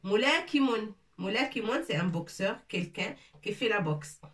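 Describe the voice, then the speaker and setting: A woman's voice: medium pitch, animated, moderate pace, fairly bright tone. A woman teaching a lesson, speaking patiently, repeating each word and checking that her listeners follow. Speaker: Arabic teacher. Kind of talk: slow explanatory lesson, French mixed with Arabic terms. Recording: echoey room, voice from a distance.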